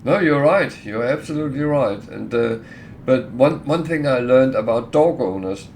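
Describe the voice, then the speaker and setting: A man's voice: medium pitch, lively intonation, moderate pace, a little mellow. A middle-aged man chatting casually while gaming on a livestream, hesitant with many fillers and restarts. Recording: clear background noise.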